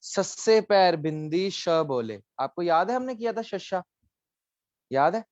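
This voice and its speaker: A man leads a live online class, explaining each letter patiently and checking that students follow. His voice sits a touch high and sounds close and dry. The call audio comes through dull and lo-fi. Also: expressive, measured pace, a little mellow, no room sound. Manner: patient, coaxing, mixes in English phrases. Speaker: online language teacher.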